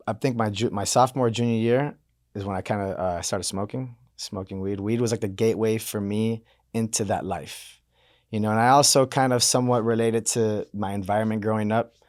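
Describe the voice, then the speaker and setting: Man, 30s, from Miami. Low voice, dry close recording. Relaxed, rambling storyteller. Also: moderate pace, no echo. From Miami, Florida. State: banged up from hockey. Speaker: guest. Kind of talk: casual interview talk.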